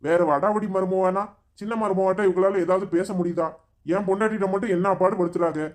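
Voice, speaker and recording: A man voicing a mild young husband and son in a cartoon, pleading gently in Tirunelveli Tamil. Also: high-pitched, fairly even intonation, brisk, lightly acted.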